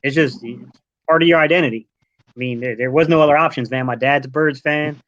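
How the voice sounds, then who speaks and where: A man in his late thirties from Delaware, a guest in a casual sports podcast chat, relaxed and rambling, dropping "man" often. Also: a little high, fairly quick, no echo. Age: 30s. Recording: dull lo-fi online call audio.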